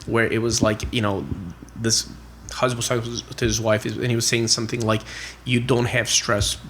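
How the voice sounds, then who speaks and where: Speaking in a mid-range voice with a level tone, normal speed, and a fairly bright quality, this middle-aged podcast guest works in real estate investing. In a casual storytelling interview he chats about family, leaning on "you know" and "like" and acting out relatives' lines in quotes, over slight background noise.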